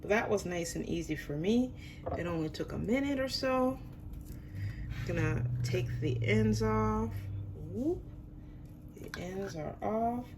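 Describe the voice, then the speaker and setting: A noisy background surrounds this woman as she hosts a home cooking show, demonstrating dishes in her kitchen in a chatty, self-deprecating way. Though she's under the weather and her voice shows the illness, it stays animated at a medium pitch. She takes things slowly, with long pauses.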